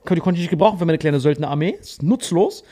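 A man's voice: a little high, lively intonation, fast talker, dark tone, slightly rough. A man in his forties, a podcast co-host, telling a rambling, provocative joke story in casual chat. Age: 40s.

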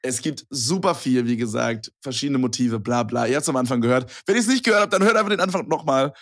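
A man's voice: medium pitch, lively intonation, fast talker. A man co-hosting a casual podcast, laid-back and teasing, laughing often at his partner. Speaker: podcast co-host.

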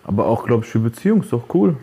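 Animated slangy man. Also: medium pitch, gravelly, breathy edge. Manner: animated, quick to get worked up, slangy. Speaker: podcast co-host. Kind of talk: casual chat.

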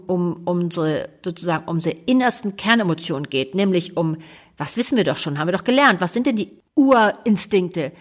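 A woman in an easygoing talk-show conversation who speaks with lively energy. She keeps breaking into little acted-out quotes of other people. Her pitch sits in an ordinary middle range. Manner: lively, animated, acts out quoted voices. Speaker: podcast co-host, relationship expert.

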